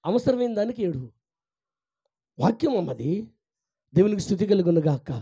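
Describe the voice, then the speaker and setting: Male pastor, high voice, mellow dark tone, fervent sermon, loud then hushed. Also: very animated, moderate pace, husky, highs cut off. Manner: fervent preaching, swinging from loud exclamations to hushed pleading; addresses listeners tenderly as child and mother. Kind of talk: fasting prayer sermon.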